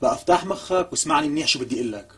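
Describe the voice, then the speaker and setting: A pushy, wheedling Syrian bargainer. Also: male voice, medium pitch, expressive, very fast, a bit bright, breathy edge. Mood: coaxing. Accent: Syrian Arabic. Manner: coaxing, wheedling, insistent. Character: smooth, pushy man bargaining hard. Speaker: persistent visitor. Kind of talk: TV comedy acting.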